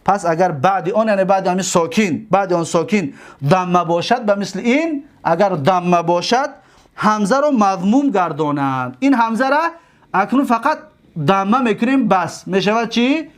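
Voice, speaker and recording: A man teaching a grammar lesson, repeating word forms slowly and asking his own questions. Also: sits high, expressive.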